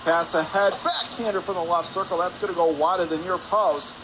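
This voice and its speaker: A high-pitched male commentator talks a little fast, calling live ice hockey on the radio in short, emphatic running phrases. Noisy ambience from the indoor arena sits behind him.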